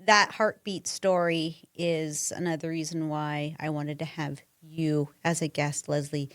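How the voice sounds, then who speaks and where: A woman's voice: low voice, fairly even intonation, a little slow, no echo. A woman with a Midwestern American accent hosting a podcast interview, encouraging and affirming her guest. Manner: warmly encouraging, with affirming murmurs. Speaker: podcast host.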